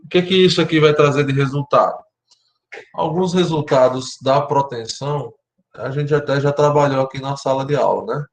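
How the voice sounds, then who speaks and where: A Brazilian man lecturing architecture students online, explaining step by step and often checking in with his class, his voice going hoarse. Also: mid-range voice, normal speed, roomy sound. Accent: Brazilian Portuguese. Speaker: university lecturer.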